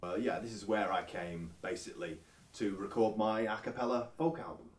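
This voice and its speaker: Speaking briskly in a fairly low, fairly even voice close to an everyday one, a man acts as an earnest, clueless folk singer being interviewed for a mockumentary. He rambles earnestly, hesitating and filling gaps with filler sounds, and the recording sounds roomy and distant.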